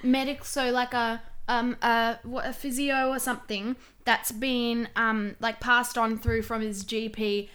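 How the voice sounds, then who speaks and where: A young woman, chatting casually as a podcast host, giggly and halting, with many ums. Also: fairly high pitch, little pitch movement, a bit bright, smooth. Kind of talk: casual chat.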